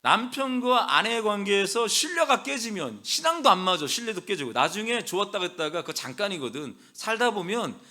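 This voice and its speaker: A man preaching a Sunday sermon in a church, his bright voice swinging widely between highs and lows. He keeps it animated and humorous, throwing questions at the congregation and acting out the quotes. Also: fairly quick, few pauses. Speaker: pastor. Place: church sanctuary.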